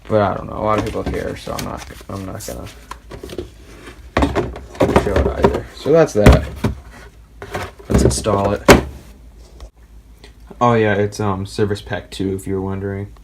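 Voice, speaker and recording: A man hosting a casual tech video, thinking aloud as he unpacks old software and gets an old computer ready. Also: fairly low pitch, flat delivery, normal speed, creaky, long pauses. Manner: rambling, hesitant, thinking aloud. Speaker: tech hobbyist host. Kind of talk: casual commentary while unboxing and building a PC. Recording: noisy home recording.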